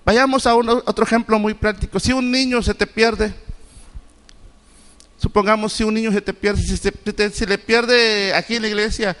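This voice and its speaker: A middle-aged Mexican man preaches a sermon as a Sunday school preacher in a church sanctuary, his voice pitched well above most men's, steady in tone and a little bright. He keeps asking the congregation questions, halting and restarting his sentences often, while a long church reverb lingers on each word.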